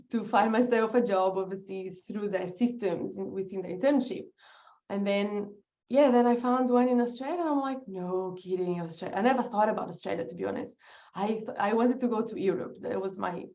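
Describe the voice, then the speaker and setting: Woman, Brazilian Portuguese accent, casual interview, laughs easily, mid pitch, muffled audio. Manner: chatty, laughs often, searches for words. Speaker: guest, business founder.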